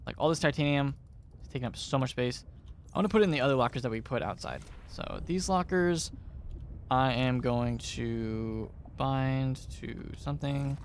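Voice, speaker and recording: A man's voice: medium pitch, moderate pace, a little hiss or hum. A man giving let's play commentary, chatty and thinking aloud as he plays, often unsure of himself. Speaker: gamer.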